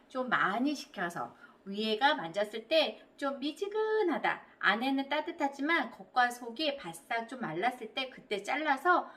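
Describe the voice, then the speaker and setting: A woman's voice: on the high side, a bit bright. A middle-aged woman giving a friendly step-by-step cooking demonstration, repeating her cues as she works. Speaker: cooking instructor.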